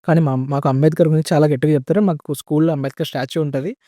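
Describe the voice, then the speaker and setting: A young man speaks in a relaxed podcast conversation, dropping "bro" and English words into his talk. He talks quickly in a slightly high voice. The sound is dry and close. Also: dry recording. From India. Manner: chatty, says "bro" often, mixes in English words. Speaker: guest. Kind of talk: casual podcast storytelling.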